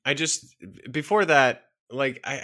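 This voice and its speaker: A man's voice: medium pitch, expressive, slow pace, pushed and bright. A man co-hosting a podcast, interjecting and thinking aloud. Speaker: podcast co-host. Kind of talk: casual discussion.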